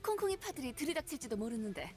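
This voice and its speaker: A chatty female game character rattles off lines in a high, very fast voice. The game audio sounds distant and faint under loud music. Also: big pitch swings. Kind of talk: Korean game voice acting.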